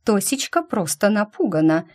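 A woman voicing a stubborn, fussy middle-aged witch mother with a chatty, slightly husky voice. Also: medium pitch, very animated, moderate pace, darkish tone, voice pushed up, lightly acted.

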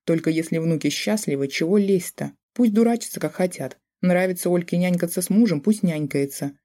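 An audiobook narrator voicing a blunt, grumbling older father who speaks curtly and deliberately, with a mellow tone. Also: medium pitch, lightly acted. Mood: gruff.

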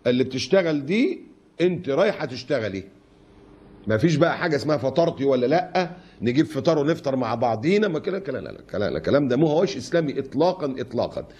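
A man's voice: mid-range voice, big pitch swings, fast talker, darkish tone. A man with an Egyptian Arabic accent preaching a colloquial sermon, scolding and mocking with rhetorical questions.

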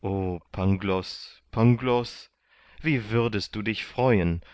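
A man's voice: lowish voice, slow pace, a little mellow, dry recording. A man reading an audiobook voices a naive young man who exclaims in breathless, tumbling questions. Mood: overjoyed. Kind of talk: audiobook reading of a classic novel.

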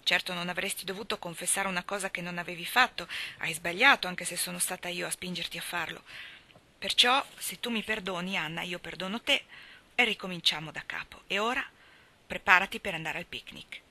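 A woman reading aloud, voicing a strict but fair older farm woman who speaks in a measured, solemn way. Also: on the low side, pushed and bright, full character voice. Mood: earnest. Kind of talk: audiobook reading.

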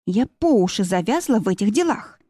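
A woman's voice: medium pitch, sing-song, fairly quick, mellow, slightly rough, no room sound. Woman reading anxious tired young woman, plaintive, tense, dry close sound.

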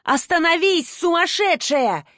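A woman narrator voicing a pushy, obsessive young man who coos and then yells angrily, in a dry close recording. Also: medium pitch, lively intonation, moderate pace, slightly rough, no echo. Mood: yelling. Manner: cooing, then yelling angrily.

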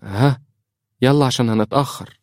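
A man plays a secretive Egyptian priest, hesitant and evasive, in a deep voice. The sound is dry and close, as in a storybook reading. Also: a little fast, no room sound. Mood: uneasy. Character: troubled middle-aged male priest, secretive.

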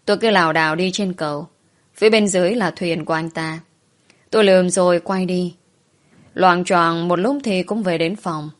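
Woman storyteller, first-person audio story, soft emotive reading, lowish voice. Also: steady tone, moderate pace.

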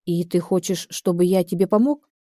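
A woman reading the part of a calm, helpful German man in an audiobook, steady and reassuring. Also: on the low side, normal speed, no echo, studio quality, close to an everyday voice.

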